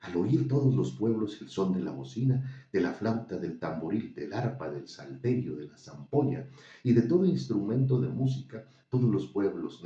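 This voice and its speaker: A man reading scripture aloud in a measured, solemn way. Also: sits low, warm tone. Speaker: scripture reader. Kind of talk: steady Bible reading. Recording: dull, roomy, distant recording.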